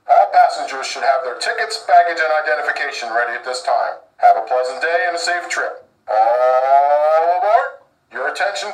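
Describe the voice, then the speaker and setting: Give me a formal station loudspeaker announcement from a man, echoey. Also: a little high. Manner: measured, slow and formal. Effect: train station loudspeaker announcement played from a model train's sound unit. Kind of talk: formal public address announcement.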